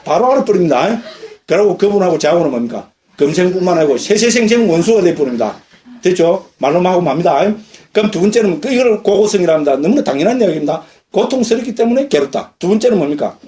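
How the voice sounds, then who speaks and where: Monk, middle-aged man, high voice, mellow tone, lively lecture style. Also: fast talker. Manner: lively, questions the audience often. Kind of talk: dharma lecture. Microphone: lecture recording.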